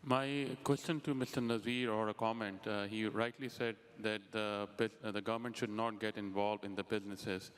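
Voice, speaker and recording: A man's voice: fairly low pitch, steady tone, normal speed, few pauses, fairly bright tone, clear, resonant tone. A man from the audience asking a question, plain and slightly hesitant. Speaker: audience member. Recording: reverberant hall.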